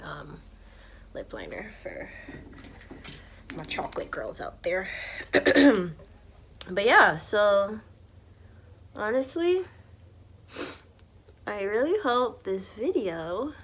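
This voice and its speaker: A young woman vlogger chatting casually to viewers while she does her makeup, animated and candid, slipping into whispered asides. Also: mid-range voice, slow pace, long pauses, slight background noise. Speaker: beauty vlogger.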